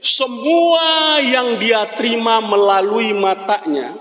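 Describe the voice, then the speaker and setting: A middle-aged man preaching a dawn sermon to a mosque congregation, asking the crowd questions and drawing out chanted prayer phrases slowly. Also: very high voice, fairly bright tone. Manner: questions the crowd, slow chanted dhikr lines. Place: large mosque hall. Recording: echoey hall with long reverb.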